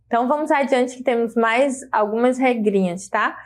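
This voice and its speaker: A woman's voice: on the high side, moderate pace. A Brazilian woman with a Brazilian Portuguese accent teaching an English grammar lesson, explaining patiently and checking in with her students.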